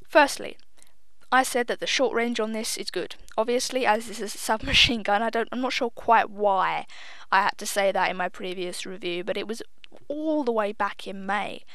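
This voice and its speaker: In a dry recording, a gaming video host with a bright-ish, medium-pitched voice talks at a moderate pace. The young woman keeps her gameplay commentary light and chatty, putting herself down, swearing casually, and owning up to a bit of nerves.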